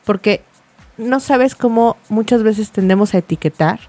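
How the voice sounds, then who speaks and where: A woman's voice: medium pitch, moderate pace, dark tone, dry recording. A woman with a Mexican accent, co-hosting a talk show, earnest and enthusiastic. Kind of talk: casual chat.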